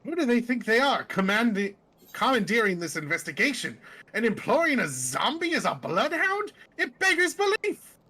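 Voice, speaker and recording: A woman voicing a pompous, dramatic gentleman inspector with grand, theatrical exclamations. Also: on the high side, sing-song, normal speed, breathy edge, pitched above the performer's own voice, full character voice.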